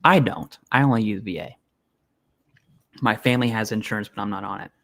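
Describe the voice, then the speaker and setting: A man's voice: lowish voice, a little fast, vocal fry, a bit bright. A man hosting a casual live Q&A stream, reading viewer questions aloud and answering bluntly and informally. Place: home setup, eating while streaming.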